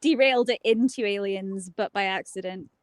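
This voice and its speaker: A woman's voice: medium pitch, normal speed, no echo. A woman on a video call, chatting casually in a jokey, laughing way on a livestream panel. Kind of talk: casual chat.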